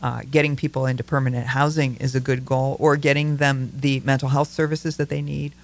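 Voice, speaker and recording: Gravelly-voiced man discussing politics. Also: medium pitch, flat delivery, fairly quick. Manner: thoughtful, hesitant, many fillers and restarts. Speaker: political talk show co-host.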